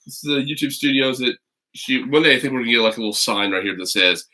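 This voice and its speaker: This middle-aged American teacher reads stories on a casual livestream from a home video corner he has rigged up, rambling to his viewers and a child. He talks fast, with a medium pitch and a sharp tone.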